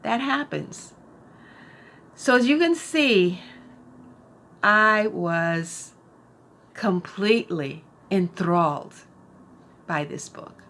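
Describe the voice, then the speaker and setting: A middle-aged woman giving a casual book review, thoughtful and unhurried, with frequent fillers and restarts. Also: medium pitch, fairly bright tone. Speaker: book vlogger.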